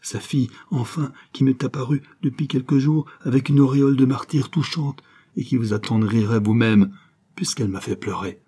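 A man's voice: medium pitch, moderate pace, dark tone, slightly rough, lightly acted. A man reading a solemn anguished avenger. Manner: earnest, solemn, pleading. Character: anguished young avenger son, torn by conscience. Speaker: audiobook reader. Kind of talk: dramatic audiobook reading.

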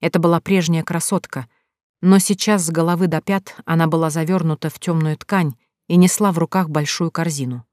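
A woman reading a fantasy audiobook in calm, even storytelling narration. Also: low-pitched, a little fast, no echo, studio quality. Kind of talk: scripted narration.

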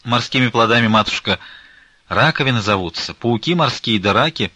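A man voicing a patient, educated man who calmly explains things to an old woman, in an audiobook. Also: medium pitch, brisk, slightly rough, no room sound. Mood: explaining.

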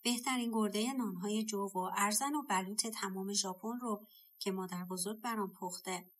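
A woman reading the lines of a calm, determined young boy hero in a storybook, in a lower, softer tone. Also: lightly acted. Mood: calm resolve.

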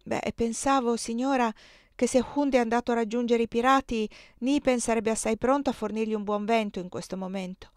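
A woman's voice: on the high side, fairly even intonation, a little fast, darkish tone, dry recording, voice pushed up, natural voice. Woman reading a determined young maid, pleading and urgent, dry sound.

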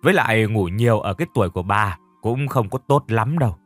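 A man's voice: lowish voice, animated, fast talker, dry recording, faint music behind. A man voicing a blunt, weary old grandmother in an audio story, grumbling in a level voice. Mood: plain.

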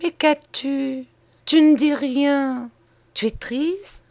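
A woman's voice: high-pitched, extremely slow, darkish tone, no echo, pitched above the performer's own voice, heavily acted. A woman reader voicing an ardent young woman lover who pleads tenderly and breathlessly. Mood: pleading.

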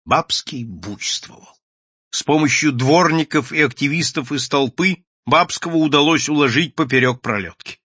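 A man narrating an audiobook in a theatrical, expressive reading. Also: on the high side, moderate pace, slightly rough, no room sound. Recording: dull lo-fi recording.

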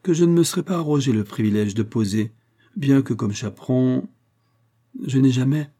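A man putting on a haughty matron, each word stressed with emphasis in a dark, husky voice. Affected and full of her own importance. A storybook reading. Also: mid-range voice, normal speed, lightly acted. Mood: pompous. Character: pompous self-important married woman.

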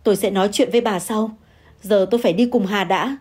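A woman's voice: medium pitch, quick pace, darkish tone, slightly rough, natural voice. A woman voicing a flustered, hesitant older husband. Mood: hurried. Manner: hesitant, stammering.

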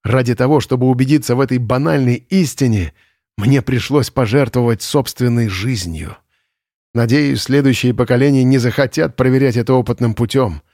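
A man voicing a desperate, unstable male camp commandant who pleads and shouts hysterically. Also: mid-range voice, normal speed, no echo, studio quality, close to an everyday voice. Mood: brooding.

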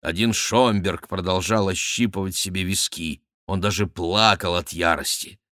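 A man reading a historical novel aloud in expressive audiobook narration, measured and close to the mic. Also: deep voice, no echo. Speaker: audiobook reader.

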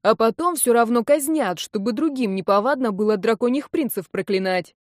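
A woman reading an audiobook, voicing a young male elf friend who scolds loudly and then soothes. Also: fairly high pitch, normal speed, no echo, clean studio sound, lightly acted. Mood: alarmed scolding.

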